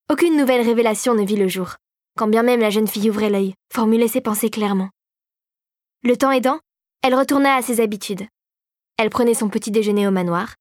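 A woman's voice: fairly high pitch, dry recording. Woman narrating a storybook, dry and close. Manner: measured, even storytelling. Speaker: audiobook narrator.

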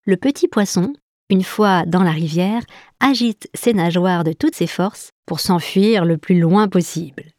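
A woman's voice: a little slow, a little mellow, dry recording, clean studio sound. A woman narrating a children's story in a playful way, breaking into animal sounds. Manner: playful, imitates animal sounds with high squeaks.

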